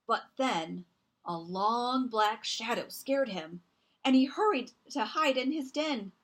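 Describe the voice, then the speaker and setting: Her voice on the high side, a storyteller reads a picture book for children, giving deliberate, expressive narration and stressing moments dramatically.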